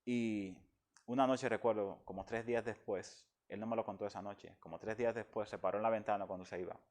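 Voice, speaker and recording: A man's voice: fairly low pitch, steady tone, fairly quick, darkish tone. A man from the Dominican Republic, speaking as a guest and giving an emotional personal testimony in an earnest, heartfelt way.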